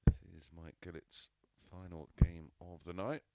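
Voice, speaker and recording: A man's voice: low voice, little pitch movement, unhurried, creaky, mellow, no echo. A man giving live darts commentary, describing play and players' statistics.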